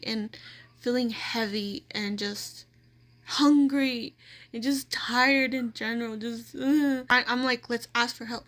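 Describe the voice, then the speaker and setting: A woman's voice: fairly high pitch, fairly bright tone. A woman vlogger casually telling a personal story, rambling with lots of "like" fillers and restarts.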